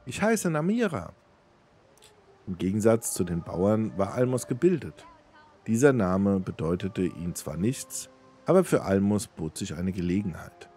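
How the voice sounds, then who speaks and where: A low-pitched man reading an in-game book aloud for a let's play, his delivery lively and expressive with casual asides. His voice is dark and slightly husky, and faint game music plays beneath it. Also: normal speed. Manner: expressive storytelling with offhand asides.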